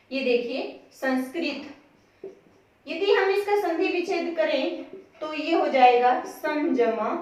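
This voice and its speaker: A woman teaching a grammar lesson, posing questions to her students and answering them herself, repeating the key words. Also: high voice. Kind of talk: classroom-style lesson. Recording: very echoey room, voice from a distance.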